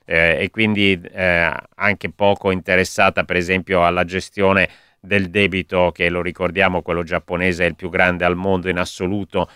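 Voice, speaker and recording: A man with a deep, forceful and clear voice comments on the economy live on radio. He explains in a measured, informative way. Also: flat delivery, no room sound, studio quality.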